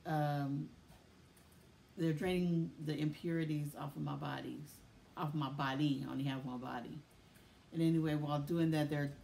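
Tired, low-voiced woman vlogging. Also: creaky, darkish tone, slight background noise. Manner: weary, emotional, halting with many pauses. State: tired and tearful. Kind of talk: casual personal video diary.

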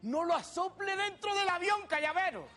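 A cheeky old Canarian countryman, yelling his punchlines in a piercing, very high voice. He swears freely and sounds bright and sharp, all Canarian accent and rustic swagger. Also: lively intonation, moderate pace, faint music behind, heavily acted. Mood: storytelling. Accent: Canarian Spanish. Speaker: stand-up comedian. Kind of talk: character stand-up monologue. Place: TV studio stage before a live audience.

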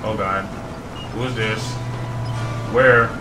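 A man's voice: lowish voice, steady tone, slow pace, recorded from a distance, over music. A man giving casual, slangy, profane live commentary as he streams a video game. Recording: roomy sound with noisy game audio. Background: game gunfire and hoofbeats.

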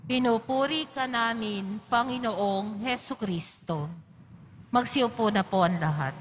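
Soft distant woman giving Mass responses. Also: fairly high pitch, unhurried. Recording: distant voice with faint room noise.

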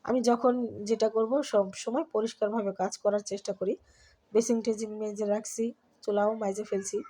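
A middle-aged Bangladeshi woman talks chattily to her viewers as she works in her home kitchen. She has a cold, so her voice stays soft and easy. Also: medium pitch, flat delivery, brisk, breathy edge. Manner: chatty, talks to viewers while doing chores. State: has a cold, speaks softly. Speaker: vlogger. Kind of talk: casual cooking and home vlog narration.

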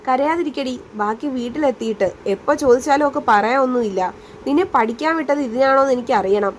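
A woman's voice: sits high, brisk, slight background noise, natural voice. A woman voicing a stern, protective young man. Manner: stern, demanding questions.

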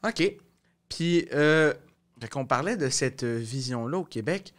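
Hosting a relaxed podcast conversation, this young Québécois-accented man has a mid-range, fairly bright voice with lively intonation and a slow pace. He takes a searching, roundabout path, restating and rephrasing, captured close-up on a studio mic in a small indoor studio.

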